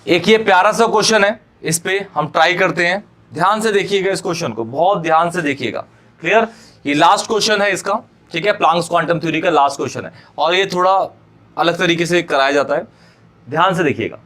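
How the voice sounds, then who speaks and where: A man's voice: sits high, fairly bright tone. Man teaching with constant check-ins. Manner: keeps checking understanding, addresses students fondly; repeats key phrases slowly for dictation. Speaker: chemistry teacher. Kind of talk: exam-prep lecture.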